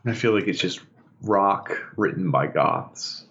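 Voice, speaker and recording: A man co-hosting a podcast in casual chat, talking in an animated way and telling stories. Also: a little slow, a little hiss or hum. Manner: animated storyteller, bursts into high laughing impressions. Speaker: podcast co-host. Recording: dull lo-fi podcast audio.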